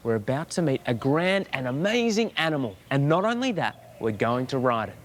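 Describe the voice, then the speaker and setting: A man's voice: mid-range voice, sing-song, moderate pace, a little hiss or hum. An Australian man hosting a children's show, explaining things in an upbeat presenting style.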